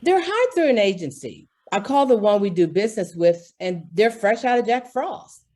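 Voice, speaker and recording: In an old-time radio drama, a woman plays a harried, earnest department store executive, sounding exasperated, emphatic, and pleading. Her voice sits at medium pitch with a sing-song lilt, a moderate pace, and a slightly mellow quality.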